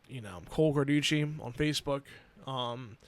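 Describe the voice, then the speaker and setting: A man in his twenties hosting a solo podcast, earnest and emotional, talking haltingly with many restarts. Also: mid-range voice. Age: 20s. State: emotional, near tears. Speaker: podcast host. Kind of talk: personal solo podcast talk.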